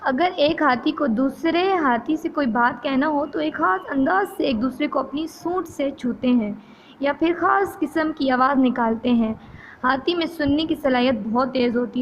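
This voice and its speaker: A woman teacher from Pakistan reading a textbook lesson slowly, then re-explaining each point and checking in with her students. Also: sits high, muffled recording, slight background noise.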